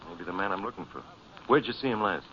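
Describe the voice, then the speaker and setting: An actor playing an exasperated, blunt police inspector with a dry, impatient manner in a 1940s radio drama. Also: male voice, low voice, lively intonation, fast, fairly bright tone. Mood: businesslike, insistent. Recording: muffled, noisy 1940s radio recording.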